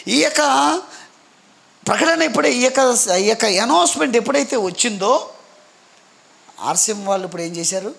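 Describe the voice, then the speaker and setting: High gravelly-voiced male preacher. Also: fairly bright tone. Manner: call-and-response preaching, repeated "Praise the Lord"; mixes English words into his sermon. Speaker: pastor. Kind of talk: sermon.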